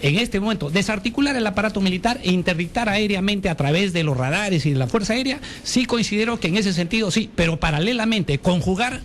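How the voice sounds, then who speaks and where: A man's voice: high voice, animated, fast, hardly any pauses, slight background noise. A man speaking earnestly as a radio commentator, building his points toward outrage.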